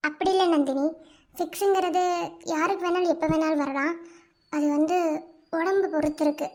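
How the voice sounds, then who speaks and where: A calm, reassuring woman doctor in a cartoon , voiced by a performer. Her voice sits very high, and she soothes a worried family by repeating her reassurances. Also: fairly quick.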